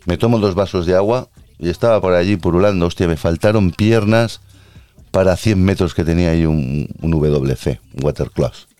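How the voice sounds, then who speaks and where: Host, male; very low voice, dry sound, crude rambling comic delivery. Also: moderate pace, dark tone, no echo, soft background music. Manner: crude, rambling, self-mocking. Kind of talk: comic personal monologue.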